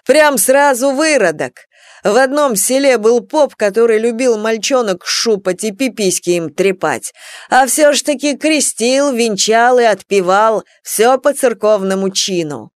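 Woman playing a gleeful sadistic young enforcer, raised pitch, loud and brash, dry read. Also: lively intonation, measured pace, no room sound. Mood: mocking. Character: cruel jeering young male revolutionary enforcer.

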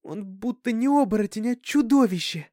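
Guy doing a teary young girl, way up high, flustered and pleading, dry close sound. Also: lively intonation, moderate pace, a little mellow, dry recording. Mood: anxious, confessing. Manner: high strained tearful pleading. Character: tearful young woman, flustered and self-doubting.

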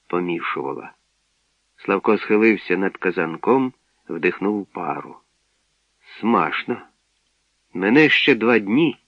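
Man, audiobook narration, calm, measured, low voice, dry lo-fi radio sound. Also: dry recording.

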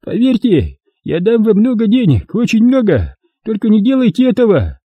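A terrified middle-aged dealer, voiced by a man reading an audiobook, begs for his life in a high, strained voice. His pleading runs babbling and near tears, husky and dark in tone. The reading is close and dry. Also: wildly swooping pitch, a little fast, no room sound, highs cut off, heavily acted.

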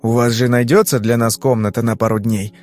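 A man playing a calm, terse male investigator who questions people in measured phrases. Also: medium pitch, faint music behind, close to an everyday voice. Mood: brusque.

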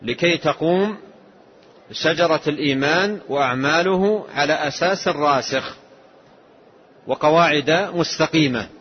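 A man giving a slow, measured religious lesson, explaining a text line by line. His voice is husky. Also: a little high, a little hiss or hum. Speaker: Islamic scholar. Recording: dull lo-fi lesson tape.

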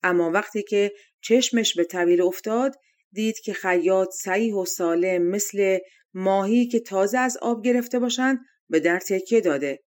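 Woman, audiobook narrator, fairy-tale storytelling, expressive reading. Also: mid-range voice.

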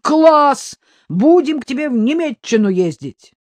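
An excitable, cheeky teenage boy who blurts out his delight, as a woman reads him. His lines shoot high and wide, close and dry. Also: measured pace, no room sound. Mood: excited.

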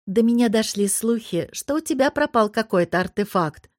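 A woman's voice: fairly high pitch, animated, normal speed, no echo, lightly acted. A commanding witch and rector who speaks curtly and expects obedience, as a woman reader voices her. Her lines are short and imperious. The recording is dry and close. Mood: stern. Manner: imperious, curt. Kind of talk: audiobook character voice.

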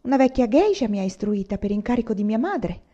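A woman reading aloud, voicing a young bride who speaks in a calm, practical and gentle way. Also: fairly high pitch, fast talker, lo-fi sound.

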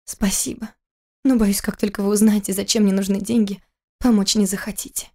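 A woman reading the part of a hurt young pregnant wife with a bitter, quietly sad manner. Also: medium pitch, level tone, brisk, natural voice.

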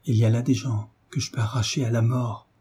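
A man voicing a brave, devoted young son who speaks in a low, hushed voice. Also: fairly even intonation, a little fast, husky. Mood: earnest.

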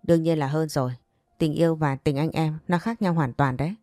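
A woman voicing a composed young wife with a sharp tongue who cuts her rival down, in a narrated story. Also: deep voice, steady tone, fairly quick, no echo, clean studio sound, faint music behind, lightly acted. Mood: cool. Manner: cool and cutting.

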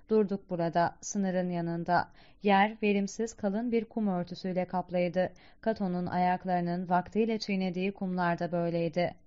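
A woman reads an old epic poem aloud in a measured, solemn way. Her voice is smooth and resonant, with a mid-range pitch for a woman. The recording sounds a little dull and lo-fi. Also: darkish tone. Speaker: audiobook narrator. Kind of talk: scripted literary narration.

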